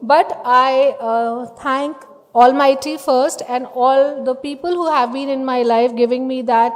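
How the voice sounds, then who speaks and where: A middle-aged woman, emotional, giving a halting award acceptance speech with many fillers and restarts. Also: high voice, steady tone. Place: large event hall. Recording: long reverb in a hall.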